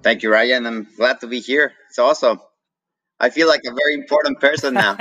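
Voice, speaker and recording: A man's voice: mid-range voice, fairly even intonation, brisk, pushed and bright, no echo, highs cut off, faint music behind. A man with a Mexican accent, chatting casually as an interview guest and rambling with many fillers and restarts. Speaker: guest, coffee roaster.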